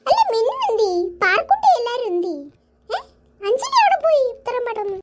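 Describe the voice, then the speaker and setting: A woman doing voices for a homemade cartoon, shrill and excitable, switching between characters. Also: brisk, very noisy. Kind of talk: cartoon voice acting.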